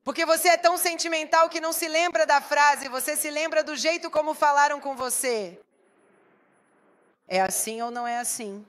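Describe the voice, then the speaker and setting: A woman's voice: sits high, moderate pace, fairly bright tone. A woman pastor preaching a sermon, emphatic and putting rhetorical questions to the congregation.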